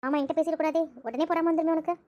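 Gossipy young woman, high voice, rapid chatter played by a woman. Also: fairly even intonation, lo-fi sound, close to an everyday voice. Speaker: voice actor in audio drama. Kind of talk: amateur audio drama acting.

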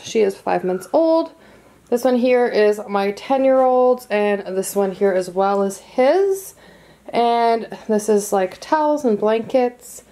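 A woman in her thirties chatting casually from her bedroom while folding laundry, relaxed and explaining as she works, recorded by a camera across the room. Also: a little high, poor audio. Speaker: vlogger and mother. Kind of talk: casual chat while cleaning. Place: home bedroom, indoors. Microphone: camera on a tripod across the room.

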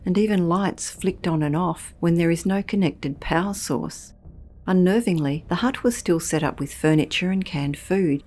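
A woman with a notably low voice tells a scripted documentary story. Her delivery is measured and ominous, paced like a spooky narration. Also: a little mellow.

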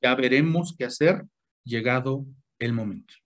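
A man's voice: medium pitch, normal speed. A man with a Mexican Spanish accent, a doctor teaching a class in a colloquial lecture and often checking that students follow. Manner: colloquial, asks the class frequent check questions. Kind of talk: informal medical lecture.

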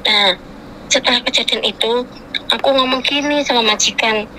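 A woman's voice: fairly high pitch, moderate pace, sharp tone, a little hiss or hum, poor audio. A woman from Indonesia telling her own story in a casual, rambling way, full of fillers and tag questions. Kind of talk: casual recounting of personal experience.

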